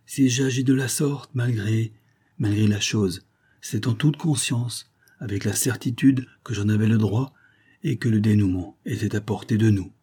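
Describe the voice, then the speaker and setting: A man reading the part of an elderly man, a gentle and anxious father, in an earnest, pleading way. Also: on the low side, normal speed, slightly rough. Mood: earnest, impassioned.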